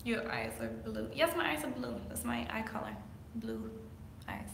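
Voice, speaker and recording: A young Danish fitness coach answers viewer questions in a casual Q&A vlog, chatting loosely with plenty of fillers in her Danish accent. Her fairly high, creaky voice swings hugely in pitch at a moderate pace. The echoey room carries a faint hiss or hum.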